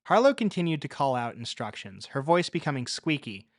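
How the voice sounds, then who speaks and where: A man narrating a story in the first person with a measured, even read. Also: medium pitch, no echo, clean studio sound.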